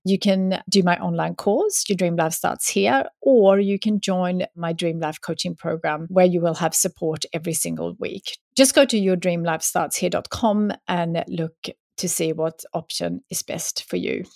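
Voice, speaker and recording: An upbeat woman hosts a solo advice podcast in a tidy, organised manner. Her voice sits a little low with a noticeable creak, recorded close and dry. She speaks straight to the listener in an encouraging way. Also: normal speed, hardly any pauses, darkish tone, dry recording. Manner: encouraging, addresses listener directly. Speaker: podcast host.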